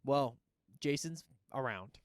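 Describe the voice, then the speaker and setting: A man's voice: medium pitch, lively intonation, takes it slowly, no echo, studio quality. A man co-hosting a casual horror podcast, talking in a playfully grumpy way and swearing a lot. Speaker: podcast co-host. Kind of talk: casual chat.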